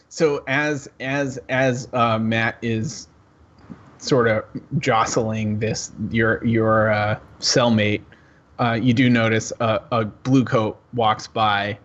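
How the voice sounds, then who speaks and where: A lower-pitched man narrating a tabletop game as its game master. He describes the scene loosely and unhurriedly. The audio is slightly dull and lo-fi. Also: a bit bright.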